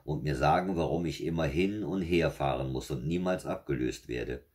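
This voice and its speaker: A man's voice: extremely low pitch, moderate pace, a little mellow. A man reading aloud and voicing a weary old ferryman who complains plaintively.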